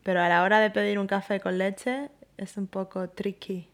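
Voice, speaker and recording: A woman's voice: mid-range voice, level tone, normal speed. Chatty woman asking questions. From Spain. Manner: chatty, asks questions, gives examples. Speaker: co-host, language learner. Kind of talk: casual bilingual chat.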